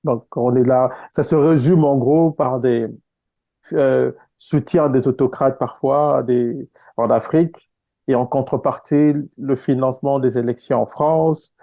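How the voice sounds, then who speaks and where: Guest, male, from Congo, measured explainer with hesitations, dull lo-fi call sound, dry. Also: mid-range voice, steady tone, no echo. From Congo (DRC). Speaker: guest author. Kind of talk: interview answers. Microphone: online call.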